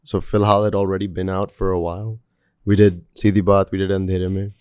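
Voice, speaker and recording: Musician dude, lowish dark voice, slangy casual chat, dry close sound. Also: male voice, level tone, brisk, clear, resonant tone, no echo. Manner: slangy, peppers talk with "bro" and "you know". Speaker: musician in a band.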